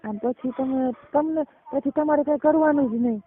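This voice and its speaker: A high-voiced woman with a Gujarati accent talks at a moderate pace over a recorded phone line that's muffled and narrowband, with some slight hiss or hum. It's a casual private chat in which she explains things colloquially and keeps checking the listener is with her.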